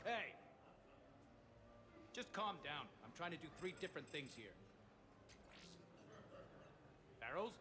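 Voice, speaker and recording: A man's voice: on the high side, big pitch swings, moderate pace, crowd noise. A man playing a harried, irritable security boss in a video game, curt and exasperated. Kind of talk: video game character dialogue. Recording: clear background noise and ambience.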